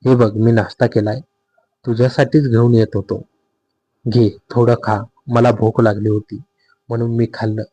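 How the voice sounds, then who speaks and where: A man voicing a calm, insistent young man who pressures his widowed sister-in-law in a storybook tale. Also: medium pitch, normal speed, close to an everyday voice.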